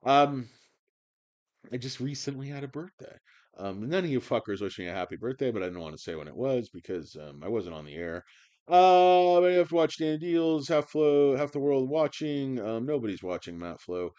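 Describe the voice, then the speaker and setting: A man's voice: mid-range voice, moderate pace, mellow, clean tone, muffled recording. A man in his forties hosting a stock livestream, ranting in a profane, sarcastic, rambling way with many fillers. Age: 40s. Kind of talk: profane casual livestream rant.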